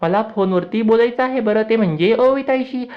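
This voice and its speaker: A serial recap narrator voicing an eager young boy in a raised, childlike pitch, on dull lo-fi audio. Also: fairly quick, lightly acted. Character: excited young boy Abir, eager and reassuring.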